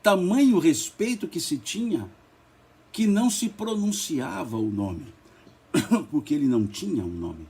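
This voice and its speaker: A man with a Brazilian Portuguese accent leading a spiritist study, slow and emphatic, spelling out letters and repeating words. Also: fairly high pitch, big pitch swings, a little mellow, husky. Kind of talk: religious study talk.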